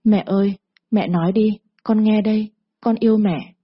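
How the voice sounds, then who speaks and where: A young woman of twenty-one pleads through her tears, voiced by a woman narrating a story. The voice is husky and the recording dull. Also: medium pitch, fairly even intonation, moderate pace, close to an everyday voice. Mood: tearful. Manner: tearful, pleading.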